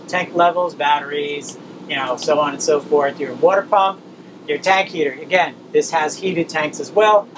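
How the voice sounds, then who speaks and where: At an outdoor RV display, a fifties-aged man gives an informal tour of a small camper trailer, walking in and around it while he explains and points things out. His pitch is fairly high, and the background is noisy.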